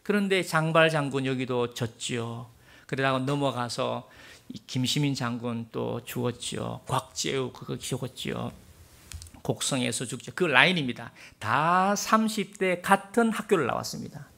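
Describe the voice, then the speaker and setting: A male pastor preaching a sermon, dropping to hushed near-whispers and then rising into emphatic bursts. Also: mid-range voice, normal speed, gravelly.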